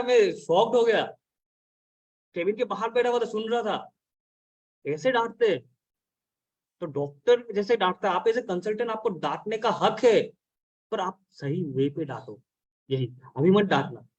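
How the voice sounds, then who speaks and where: High-voiced blunt man coaching a team. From India. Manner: blunt, scolding, mixes Hindi and English. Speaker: business consultant and trainer. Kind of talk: training session talk.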